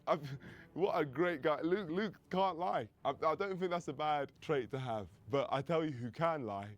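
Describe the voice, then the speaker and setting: A man's voice: a little high, normal speed. A man hosting and reacting to a clip, pressing contestants with teasing questions in casual commentary. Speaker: host reacting to a game show clip.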